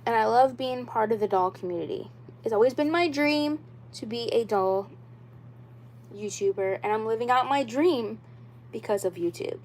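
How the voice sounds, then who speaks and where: Fairly high-pitched and a little mellow, at a moderate pace, a woman in her twenties talks casually to her livestream audience about collecting dolls as a doll YouTuber. She's earnest and insistent, rambling, repeating herself and sprinkling in "like" and "you know."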